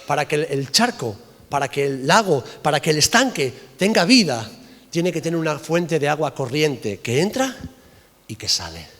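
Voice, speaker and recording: Man, pastor preaching a sermon, high voice, impassioned, echoing church hall. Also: sing-song, normal speed. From Spain. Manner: impassioned preaching, rising and dropping to soft emphasis, repeating phrases.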